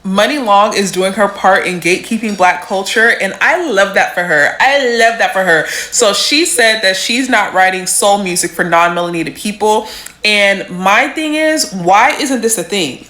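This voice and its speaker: A woman's voice: mid-range voice, moderate pace, bright, forceful tone, echoey room. A woman giving a blunt, frustrated opinion rant.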